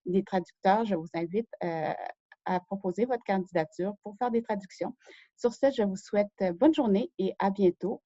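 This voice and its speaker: A woman's voice: medium pitch, normal speed, warm tone, no room sound. A woman hosting a screen-share research tutorial, talking hesitantly with many fillers and self-corrections. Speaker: show host. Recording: dull lo-fi dry recording.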